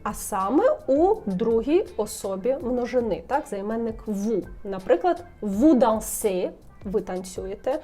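A young woman teaching French pronunciation, repeating example words slowly and checking in with the viewer. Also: on the high side, expressive, mellow, faint music behind. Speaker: French tutor. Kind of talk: language lesson, modelling pronunciation.

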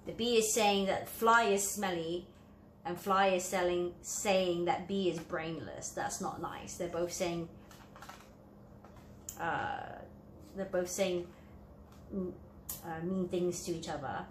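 Sitting at a table indoors, a woman reads a children's picture book aloud, explaining it in simple phrases for young children. Her lowish voice is steady and slow with frequent pauses, and the room adds a roomy echo and light background noise.

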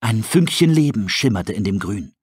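Male audiobook narrator, husky tone, dry close sound. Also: on the low side, expressive, normal speed, a little mellow, no room sound. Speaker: audiobook reader. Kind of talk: storybook narration.

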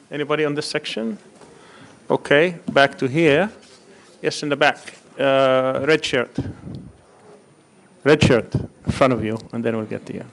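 A man chairing a conference panel, brisk and directing, on stage with a table microphone. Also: on the high side. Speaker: session chair. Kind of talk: moderating a panel.

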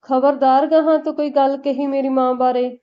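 A woman voicing a hot-headed, protective young man who talks brusquely, in her own high voice. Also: little pitch movement, moderate pace, close to an everyday voice. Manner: brusque, defensive. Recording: dull lo-fi recording.

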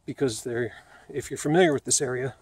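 A man's voice: mid-range voice, a little fast, a little mellow, breathy edge. A man in his thirties narrating a casual walking vlog outdoors, talking into a camera held at arm's length, chatty and loose, thinking aloud with fillers. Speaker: video host exploring ruins. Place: outdoor woodland trail by a river.

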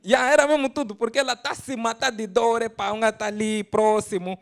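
On a comedy club stage, a thirtysomething comic with an Angolan Portuguese accent works a handheld mic, alternating loud outbursts with quiet slang-filled asides. His gravelly voice holds a steady tone and moves a little quickly.

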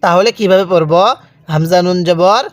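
High-pitched Bangladeshi man teaching recitation. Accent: Bangladeshi Bengali. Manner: slow, drawn-out letter-by-letter recitation. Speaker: Quran reading teacher. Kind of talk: spoken tutorial.

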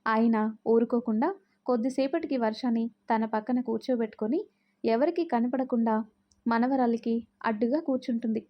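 A woman narrating a romance story in a calm, even reading. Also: fairly high pitch, moderate pace, highs cut off.

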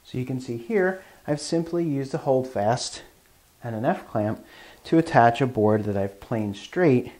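Speaking a little slowly with lively intonation, this man has a medium-pitched, darkish voice. He hosts a woodworking show and, in a hands-on tool demonstration, explains plainly as he works with hand tools in his shop.

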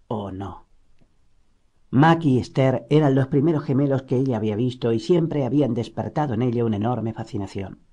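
A man from reads a novel aloud in a steady, measured way. His tone is mellow and darkish at an ordinary pitch, as is typical of a classic audiobook narration. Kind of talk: scripted narration.

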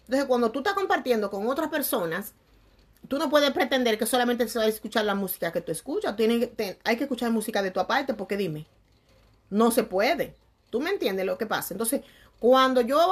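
Young woman, casual vlog chat, fairly high pitch, animated, laughs often, crude slang. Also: breathy edge. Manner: lively, laughing, swings loud and soft, crude slang. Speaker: vlogger.

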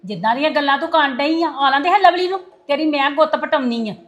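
A woman playing a sharp-tongued old mother-in-law. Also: high-pitched, fast, dull audio, natural voice. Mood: scolding. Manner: scolding, taunting. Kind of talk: web series family drama.

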